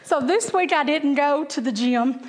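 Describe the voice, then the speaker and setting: A woman's voice: high-pitched, unhurried, big-room sound. A woman and kindergarten teacher, telling chatty, self-deprecating stories to a church group, laughing often and stuttering at times. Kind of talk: humorous storytelling talk.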